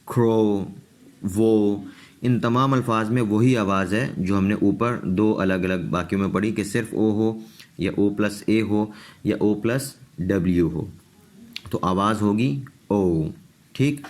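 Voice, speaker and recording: A man with a Pakistani Urdu accent leads a beginner English pronunciation lesson, his voice sitting a little low. He explains each rule patiently and reads word lists out slowly, one word at a time. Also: darkish tone. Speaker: English teacher.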